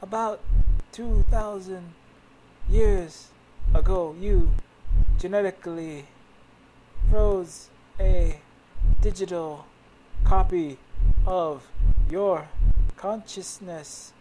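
A man voicing a gentle female stranger from a video game, doing a woman's voice with halting, word-by-word delivery. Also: high-pitched, noisy background, pitched above the performer's own voice. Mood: solemn. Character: gentle female stranger addressing a patient, read from game text. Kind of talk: dramatic reading of video game text.

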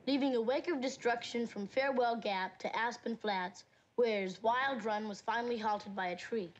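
A woman's voice: on the high side, normal speed, dull audio, a little hiss or hum. A woman reading a scripted, mock-serious news report as film narration.

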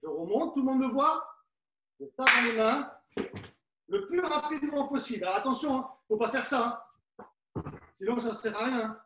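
A man's voice: very high-pitched, lively intonation, moderate pace, long pauses, sharp tone. A middle-aged man coaching a live fencing workout class, instructive and coaxing, often adding "hein" as he demonstrates and sometimes moves away from the mic.

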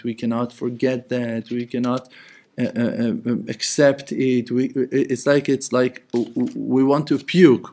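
Impassioned rabbi. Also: male voice, mid-range voice. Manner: impassioned, repeats phrases, frequent restarts. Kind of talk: sermon.

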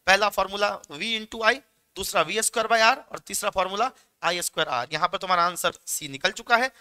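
A man's voice: sits high, a little fast, pushed and bright, clear, resonant tone. A young man with a Bihari Hindi accent teaching physics exam questions in a chatty, joking classroom manner, mixing in English terms. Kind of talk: exam-prep lecture.

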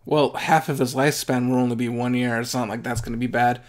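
A young man with a medium-pitched, steady voice talks fast while hosting a casual anime reaction, thinking aloud as he watches. He restarts and makes asides, recorded on a headset indoors in his bedroom at home.

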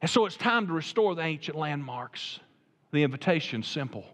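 A man's voice: on the high side, expressive, moderate pace, a bit bright. A man preaching a sermon as pastor, emphatic and building to fervent appeals. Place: church sanctuary. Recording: reverberant church sanctuary.

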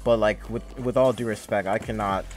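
A man's voice: on the low side, fairly even intonation, moderate pace. A young man giving casual gameplay commentary in a weary, grumbling way. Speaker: gaming video host. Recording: noisy recording with game gunfire. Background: video game gunfire.

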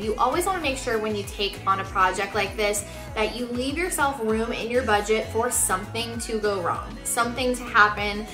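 A woman in her thirties explaining things casually and chattily to camera, as in a home renovation vlog. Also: fairly high pitch. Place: living room indoors. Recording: roomy living-room echo, music underneath.

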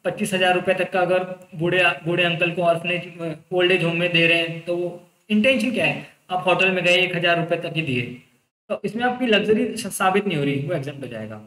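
A man's voice: high-pitched, a little fast, pushed and bright, echoey room, low-quality recording. A young man teaching an exam-prep lecture in a casual, reassuring way, explaining rules by their intent.

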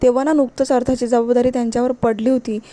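A woman recaps a TV serial episode and slips into the characters' lines as she goes. Her voice sits a little high and sounds mellow. The recording is close and dry. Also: quick pace, dry recording. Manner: lively retelling, switches into quoted dialogue.

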